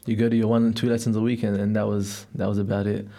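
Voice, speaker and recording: In a studio interview, this young Melbourne guest replies reflectively and with hesitation. He talks fast in a lowish, dark voice that barely moves in pitch.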